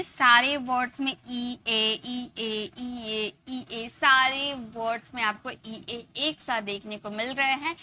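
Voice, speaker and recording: A woman's voice: fairly high pitch, pushed and bright. A woman teaching English pronunciation step by step, spelling letters aloud and checking in with "okay". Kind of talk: casual teaching lesson.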